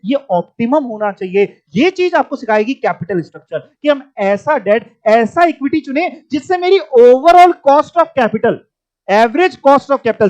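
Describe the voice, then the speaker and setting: A male teacher giving a classroom lecture, explaining terms and quizzing his students with questions. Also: very high voice. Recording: dull lo-fi lecture recording.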